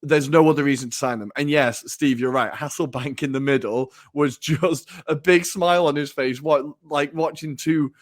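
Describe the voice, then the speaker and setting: A man co-hosting a football podcast, talking in an animated way, laughing and swearing now and then. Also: a little high, normal speed, hardly any pauses, dry recording, studio quality. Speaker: podcast co-host. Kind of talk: casual football analysis.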